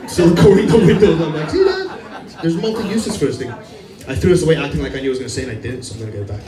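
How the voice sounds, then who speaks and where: On a comedy club stage before a live crowd, a stand-up comedian runs a loose, self-mocking set, rambling and laughing at his own jokes. His mid-range voice is very animated and very fast, captured from afar in roomy audio with crowd laughter.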